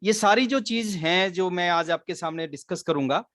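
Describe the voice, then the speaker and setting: A man's voice: high-pitched, normal speed, fairly bright tone, no echo, studio quality. A man, giving an earnest motivational business training talk, mixing English words into his speech. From Haryana, India. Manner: earnest storytelling, mixes English words into Hindi.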